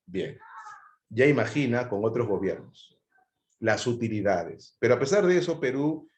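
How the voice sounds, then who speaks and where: Brief: male history teacher, live class, mid-pitched voice, chatty and questioning, echoey room. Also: animated, normal speed, darkish tone. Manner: conversational, asks students rhetorical questions. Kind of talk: live online class lecture.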